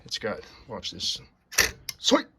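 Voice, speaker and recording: A man's voice: takes it slowly, heavy background noise. A man casually showing off and explaining a typewriter, rambling and repeating words with enthusiasm. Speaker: typewriter restorer. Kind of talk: casual show-and-tell.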